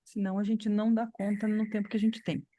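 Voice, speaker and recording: A woman's voice: mid-range voice, level tone, quick pace, dark tone, no room sound. A woman from Brazil teaching an online English class, explaining patiently and checking in with her students. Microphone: computer mic on video call.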